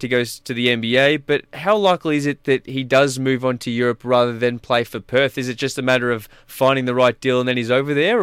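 Quick-talking Australian male radio host. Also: medium pitch, a bit bright, clean tone, no echo, studio quality. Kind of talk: conversational radio interviewing.

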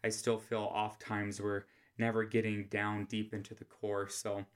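Soft, flat-voiced American man, quiet monotone. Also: unhurried. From Utah, United States. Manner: flat monotone, speaking low without inflection. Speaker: host of a scripture study podcast. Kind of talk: informal religious lesson. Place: quiet room at home.

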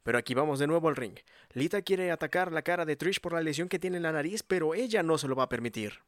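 Guy narrating wrestling like a commentator, highish voice, dramatic, really dry sound. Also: fast, no room sound. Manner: dramatic, building to excited calls.

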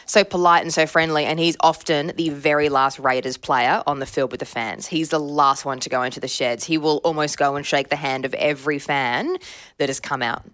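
A woman's voice: low-pitched, fairly even intonation, brisk, fairly bright tone, dry recording. An Australian woman, a sports reporter, telling chatty, enthusiastic stories about players. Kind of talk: casual sports chat.

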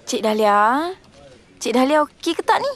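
Casting: a flustered, soothing young Malaysian helper with a high voice. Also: female voice, big pitch swings, a little slow. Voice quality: flustered, fussing manner. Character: fussy young female helper, kind, flustered. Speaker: radio drama actress. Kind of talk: radio drama acting.

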